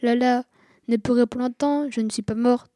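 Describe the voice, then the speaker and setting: A woman voicing a small girl acting on stage, declaiming her lines loudly in a storybook reading. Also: on the high side, steady tone, normal speed, no echo, studio quality, natural voice. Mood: playful. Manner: loud, declaiming childlike lines.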